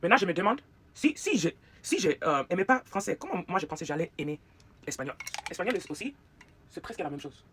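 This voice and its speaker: In a get-ready-with-me vlog, a native English speaker with an American accent talks casually, halting and dropping English fillers along the way. Their medium-pitched voice is very animated and fairly bright, with a little hiss or hum on the recording.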